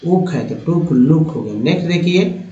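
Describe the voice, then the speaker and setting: Guy teaching english phonics, kinda high voice, echoey muffled room, sounds a bit far from the mic. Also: expressive, dark tone. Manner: explains spelling patterns slowly, repeating words. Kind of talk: phonics lesson. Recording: dull roomy sound from off-mic.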